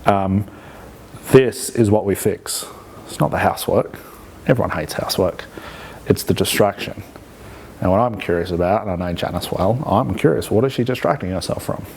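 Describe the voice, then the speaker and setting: Male instructor, lowish voice, conversational teaching delivery with frequent check-in questions. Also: fairly quick, creaky, darkish tone, a little hiss or hum. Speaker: hypnosis instructor. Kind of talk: live teaching demonstration with commentary.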